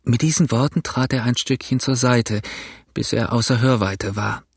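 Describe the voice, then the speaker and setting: A man narrating a classic adventure novel as an audiobook in a measured, steady storytelling manner. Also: medium pitch, creaky, slightly rough, no room sound, studio quality.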